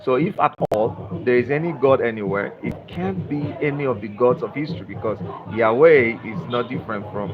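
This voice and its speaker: A man's voice: medium pitch, normal speed, few pauses, crowd noise. A Nigerian-born man hosting a live stream, lecturing in a repetitive way and leaning on "you know". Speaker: livestream host. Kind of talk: live-stream talk to viewers. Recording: dull lo-fi stream audio with music behind.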